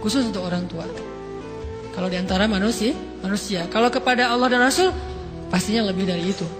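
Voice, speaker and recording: A man's voice: high-pitched, fast, big-room sound. A man giving a conversational sermon, playful at times, with emphatic rising stresses. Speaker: preacher. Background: background music.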